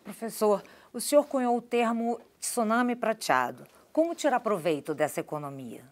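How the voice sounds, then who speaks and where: A woman's voice: on the high side, lively intonation, moderate pace. A Brazilian woman interviewing guests with short, probing questions.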